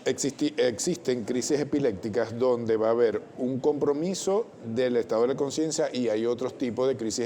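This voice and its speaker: Mellow-voiced doctor explaining. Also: male voice, mid-range voice. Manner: measured, technical, with frequent self-corrections. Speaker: pediatric doctor guest. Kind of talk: explanatory television interview.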